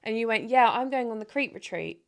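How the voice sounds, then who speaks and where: A woman's voice: fairly high pitch, lively intonation, a little fast, vocal fry, clean tone. A young woman, co-hosting a casual podcast chat and telling stories with frequent laughter. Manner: chatty storyteller, laughing often. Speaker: podcast co-host.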